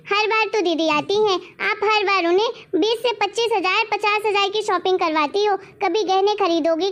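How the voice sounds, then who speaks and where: A woman playing a sharp-tongued young daughter-in-law who talks back defiantly, in a family drama. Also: very high voice. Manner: bossy, defiant.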